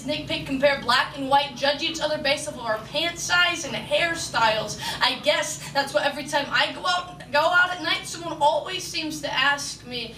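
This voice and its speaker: Under red lights on a small club stage, a young woman in her twenties performs spoken word poetry with rhythmic, emphatic delivery into a stand-mounted mic. Her voice is high-pitched, bright and forceful. The live sound is roomy, distant and noisy.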